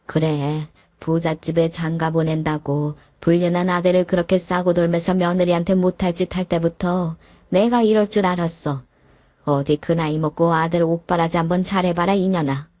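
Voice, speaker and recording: Story figure: a protective, mocking older mother read by a woman, low and dark in tone. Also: little pitch movement, moderate pace, dry recording, close to an everyday voice. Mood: scornful. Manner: scornful, cursing.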